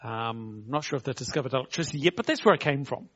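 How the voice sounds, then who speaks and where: A man's voice: medium pitch, lively intonation, a bit bright. New man preaching, lo-fi. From New Zealand. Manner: conversational, slows for emphasis, acts out quotes. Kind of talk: sermon. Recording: dull lo-fi recording.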